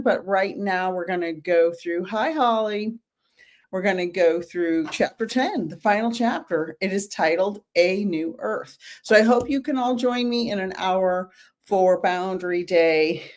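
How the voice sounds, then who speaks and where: Greeting her live-stream viewers by name, a middle-aged woman hosts an informal book club. Years of teaching have left her mid-range, darkish voice hoarse.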